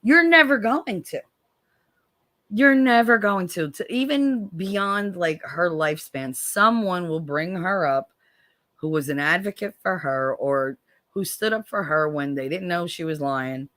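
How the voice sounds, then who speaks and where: An American woman runs a casual livestream, reading viewer comments and speaking bluntly with profanity and sarcastic digs. Her voice is animated and a bit slow, swinging from low, weary tones to sharp sarcasm, with no room sound.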